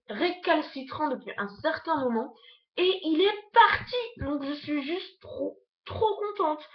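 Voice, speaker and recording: A young woman, a beauty vlogger, rushing through a casual makeup haul on her bed at home, chatting with lots of fillers. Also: high voice, lo-fi sound. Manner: hurried, chatty, many fillers. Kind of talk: casual product review.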